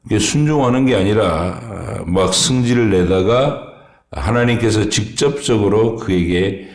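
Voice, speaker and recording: A man preaching an early-morning sermon as pastor, speaking in a halting way with many pauses and fillers. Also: deep voice, echoey room. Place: church sanctuary.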